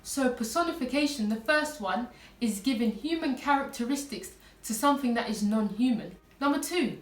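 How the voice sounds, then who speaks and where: A woman's voice: fairly high pitch, expressive, moderate pace, distant mic. Woman teaching English in an echoey room. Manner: clear, patient, step-by-step explaining to students. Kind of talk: online lesson. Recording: echoey room, voice a little off-mic.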